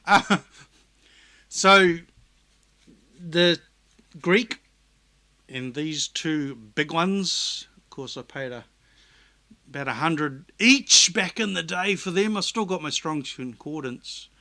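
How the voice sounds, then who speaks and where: A man talks through Bible texts in an unhurried, drawn-out way, in a fairly high voice. His tone is bright and a bit sharp. He is sarcastic and rambling, correcting himself as he goes. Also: lively intonation. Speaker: YouTube vlogger. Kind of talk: casual mocking commentary on Bible texts.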